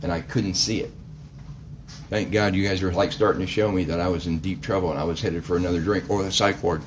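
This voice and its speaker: Low-voiced man sharing his recovery story. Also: steady tone, slight background noise. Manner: halting, reflective. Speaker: speaker at a recovery meeting. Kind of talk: personal testimony.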